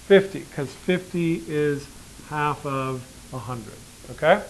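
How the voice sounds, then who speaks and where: Man, slightly high voice, math teacher, classroom lecture, casual, joking, quizzes students. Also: rough recording.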